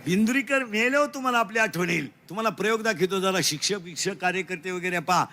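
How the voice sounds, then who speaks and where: High, bright-voiced Marathi preacher. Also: male voice, quick pace, a little hiss or hum. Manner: loud, teasing, quizzes the crowd in call-and-response; mixes broken English lines into the sermon. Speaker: kirtan preacher. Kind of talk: comic devotional sermon.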